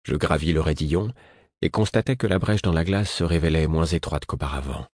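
A man reading a first-person audiobook in a measured, somber manner. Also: a bass voice, a little mellow, dry recording, studio quality. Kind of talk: audiobook narration.

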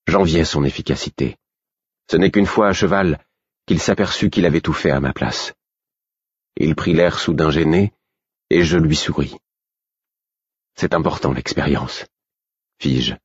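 A man reading a novel aloud in steady first-person narration. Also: deep voice, breathy edge, dry recording, dull audio. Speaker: audiobook narrator.

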